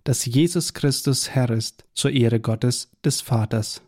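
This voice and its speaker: A man reading a devotional Bible tract aloud in a measured, earnest way, quoting scripture verses. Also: medium pitch, over loud music.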